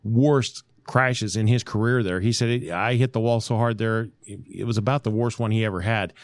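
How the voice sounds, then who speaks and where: A man co-hosting a casual sports podcast, rambling with many restarts and pauses to recall names. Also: lowish voice, steady tone, no echo. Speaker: podcast co-host.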